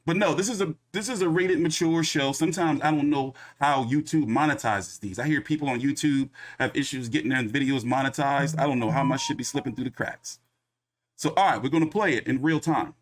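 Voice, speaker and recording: A man's voice: mid-range voice, fairly quick. Casual, rambling man recapping a fight. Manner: loose, rambling, casual cursing. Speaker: boxing commentary host.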